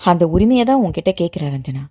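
A woman voicing a calm, steady grown man. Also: mid-range voice. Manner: steady, unhurried and measured. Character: calm, composed grown man asking to be guardian.

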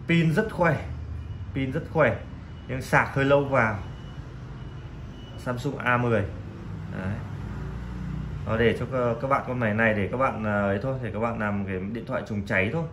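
A man gives a casual, halting sales pitch as a shop seller, often repeating himself. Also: a bit bright. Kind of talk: casual sales pitch presenting used phones. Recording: clearly noisy room recording.

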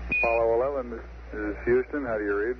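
A man's voice: mid-range voice, steady tone, a little fast. A man at mission control, calling a crew in clipped, formal radio phrasing over a crackly radio link. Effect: heard over a crackly radio link. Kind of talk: procedural radio voice checks. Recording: noisy lo-fi 1960s radio archive.

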